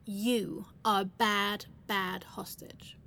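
Woman acting a slow, breathy, seductive robber in whispered role-play pillow talk. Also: medium pitch, steady tone, noisy background. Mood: teasing, commanding. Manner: breathy, sultry, lingering pauses, sighs and murmurs. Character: seductive, commanding female bank robber, secretly a lover.

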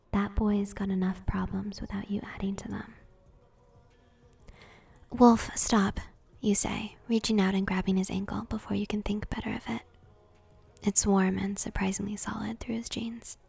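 A woman narrating a second-person story in a soft, intimate whispered role-play. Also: mid-range voice, gravelly, breathy edge.

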